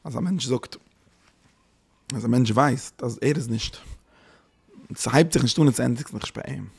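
A man giving a spoken religious lecture as a teacher, halting and searching for words, often dropping in English terms. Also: mid-range voice, vocal fry, slightly rough.

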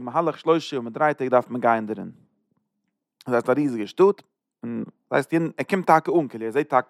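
A man leading a scripture class in a dry, close-sounding recording. His pitch sits in the middle range for a man. He works through the text line by line, restating each phrase until it is clear. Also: no room sound. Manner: explains each verse, repeats and rephrases terms. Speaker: Bible teacher. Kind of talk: verse-by-verse scripture lesson.

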